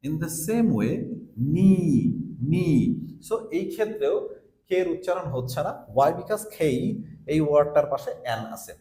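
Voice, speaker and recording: A man gives a pronunciation lesson, his fairly high voice rising and falling in a lively way. He explains step by step and says each example word several times. The room around him is echoey. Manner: explains step by step, repeats example words slowly. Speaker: English teacher.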